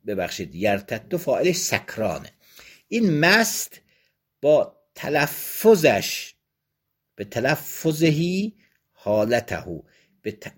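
Man, husky voice, lively rising and falling pitch, reads a text aloud then explains it step by step, seminary lecture. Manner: reads passages aloud, then explains them plainly point by point. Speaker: religious law teacher.

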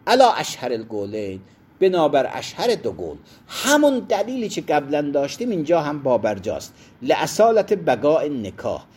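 A man's voice: fairly high pitch, darkish tone, breathy edge. A man teaching a seminary class on Islamic law, who quotes Arabic legal texts, glosses them and stops to define terms. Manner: explanatory, pauses to define terms. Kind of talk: classroom lecture on Islamic jurisprudence.

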